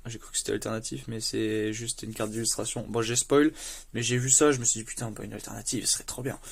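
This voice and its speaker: A man chatting casually as he opens trading card packs, with lots of fillers, stumbling over English card names and bursting with excitement at good pulls. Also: lowish voice, quick pace, gravelly, breathy edge. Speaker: card collector opening booster packs. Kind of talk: casual unboxing commentary.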